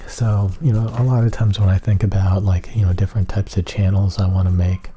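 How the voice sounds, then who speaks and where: A man rambling in a flat, emotionless monotone for an ASMR video, with a husky voice. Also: low-pitched, brisk, a little hiss or hum.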